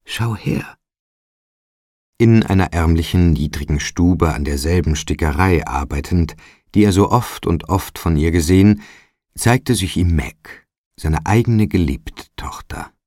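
Slow, deep-voiced male storybook narrator. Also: a little mellow, no room sound, studio quality. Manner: measured, dramatic storytelling. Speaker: audiobook narrator. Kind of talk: scripted literary narration.

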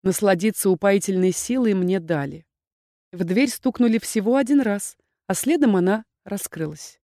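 A woman narrating a first-person audiobook in a lively, expressive way. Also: medium pitch, normal speed, no room sound, studio quality.

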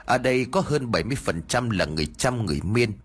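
A man narrating a first-person ghost story in an expressive, lively way. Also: medium pitch, fast, husky.

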